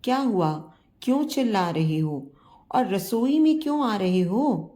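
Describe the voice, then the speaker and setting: A woman voicing a sharp-tongued but caring older wife who scolds her husband. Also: medium pitch, animated, measured pace, close to an everyday voice. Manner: scolding, bossy but loving.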